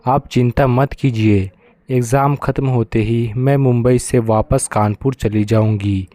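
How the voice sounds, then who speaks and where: Cheeky, blunt young woman from a storybook, voiced by a male reader with a dark, dry tone. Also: medium pitch, steady tone, a little slow, no echo, lightly acted. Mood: defiant. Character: bold blunt young woman, quick to talk back.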